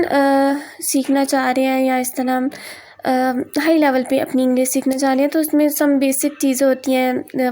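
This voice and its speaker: Slow, high-voiced Pakistani woman teaching English. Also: darkish tone. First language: Urdu. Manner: slow, explanatory, often checks in with "ठीक है"; mixes English terms into Urdu-Hindi. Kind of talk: spoken English lesson at a board.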